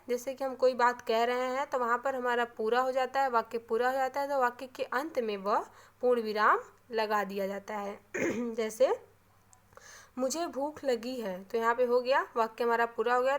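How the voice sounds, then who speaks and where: A woman teaching a grammar lesson, repeating key terms slowly and checking in with frequent tag questions. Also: on the high side, a bit bright.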